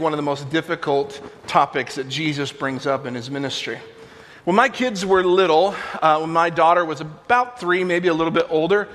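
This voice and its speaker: A man's voice: a little high, fairly bright tone, in a large hall. A middle-aged man preaching a sermon as a pastor, telling stories in a conversational way with frequent restarts.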